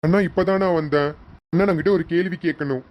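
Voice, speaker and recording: A man's voice: fairly high pitch, fast talker, dull audio, lightly acted. A man playing an injured young husband in a homemade serial, speaking emotionally and repeating names. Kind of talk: hobby serial acting.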